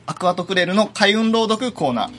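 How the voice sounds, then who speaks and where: Brief: chatty radio host, rapid delivery, background music. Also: male voice, high-pitched, animated. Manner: chatty, leans on 'ne' fillers. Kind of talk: casual radio talk. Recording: music playing behind.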